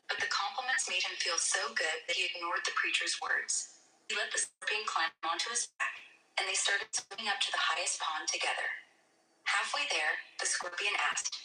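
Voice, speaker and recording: A woman's voice reading a children's storybook in an even, smooth narration with no slips. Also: fairly low pitch, normal speed, a little hiss or hum. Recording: distant roomy voice with music.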